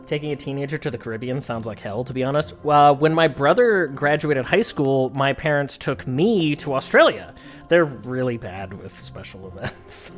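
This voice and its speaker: A woman's voice: extremely low pitch, expressive, normal speed. A woman streamer chatting casually and wryly while playing a game. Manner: wry, self-deprecating and chatty. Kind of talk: casual gameplay commentary. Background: faint game music.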